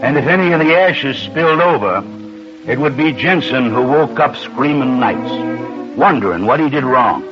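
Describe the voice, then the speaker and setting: A man's voice: medium pitch, expressive, normal speed, natural voice. Muffled, hard-bitten sailor narrator voiced by a man. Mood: grim. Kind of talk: dramatic old radio narration. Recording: muffled old radio recording. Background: music.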